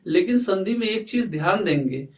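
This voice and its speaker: Male tutor, very high voice, slow and repetitive, recorded distant from the mic in an echoey room. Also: expressive, a little mellow. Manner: slow, repetitive, quizzing himself aloud. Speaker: teacher. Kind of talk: explaining a lesson at a board.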